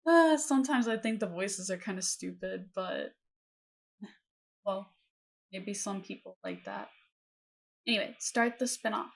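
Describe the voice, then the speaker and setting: A young woman talks through a story game she is playing, in casual commentary. She rambles and makes light fun of herself at an ordinary middle pitch. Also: unhurried, gravelly, pauses often. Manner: chatty, rambling, self-deprecating. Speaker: gameplay video host.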